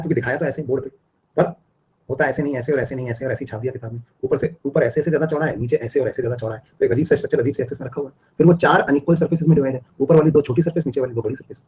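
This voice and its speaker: Rapid-fire male online biology teacher. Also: a little high, dark tone, highs cut off, slight background noise. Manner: repetitive, drilling explanations, asks students questions. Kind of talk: live online class lecture.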